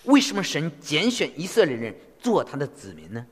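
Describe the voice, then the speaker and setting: A man interpreting a sermon phrase by phrase in an animated way. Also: on the high side, fairly quick, husky. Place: church hall. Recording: long reverb of a church hall.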